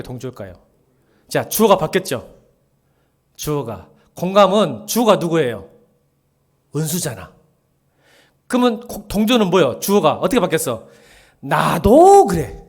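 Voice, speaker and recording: A man's voice: a little high, sing-song, normal speed, long pauses. A middle-aged male pastor giving a casual sermon, chatty and joking, who acts out dialogue and often drops to a murmur.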